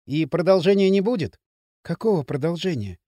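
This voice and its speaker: Man doing young village lad, shy, bitter, clipped hurt replies, mellow dark voice. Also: fairly high pitch, animated, normal speed, no room sound, studio quality. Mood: hurt, sulky.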